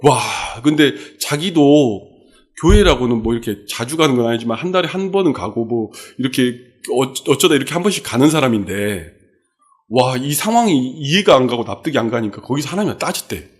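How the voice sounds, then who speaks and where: A man's voice: medium pitch, lively intonation, brisk. A male pastor giving a midweek sermon, telling stories and acting out the quotes in them. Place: church sanctuary.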